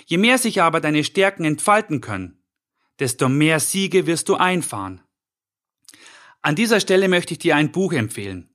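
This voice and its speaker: A man's voice: a little high, very animated, normal speed, fairly bright tone. German man giving an upbeat coaching talk. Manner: earnest, encouraging, speaks directly to the listener. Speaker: podcast host and life coach. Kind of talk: scripted motivational talk.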